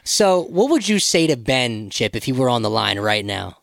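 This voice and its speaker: A man's voice: mid-range voice, big pitch swings, moderate pace, gravelly, a bit bright, dry recording, clean studio sound. A man co-hosting a sports talk show, introducing a guest and chatting casually. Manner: conversational, laughs along. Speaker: co-host.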